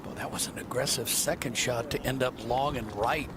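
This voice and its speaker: A man giving live golf tournament commentary, describing shots and greens analytically in short phrases. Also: fairly quick. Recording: noisy outdoor broadcast with ambient rumble.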